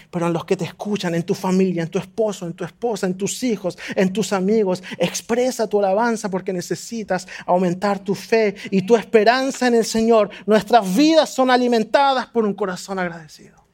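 A man preaching a sermon, fervent and exhorting, his voice climbing high on points of emphasis. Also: a little fast, a little mellow.

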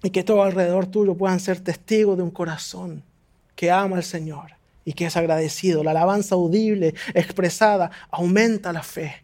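A man preaching a sermon, fervent and exhorting, his voice climbing high on points of emphasis. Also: fairly even intonation, moderate pace, a little mellow.

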